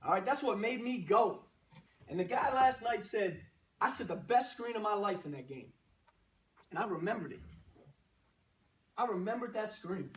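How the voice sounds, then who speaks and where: Male coach for a pregame pep talk: high-pitched, exhorting, punchy, heard from a distance in an echoey room. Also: a bit bright. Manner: exhorting, punchy short phrases, rhetorical questions. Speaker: coach giving a guest pregame speech. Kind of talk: motivational pregame pep speech to a team. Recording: roomy echo, distant microphone.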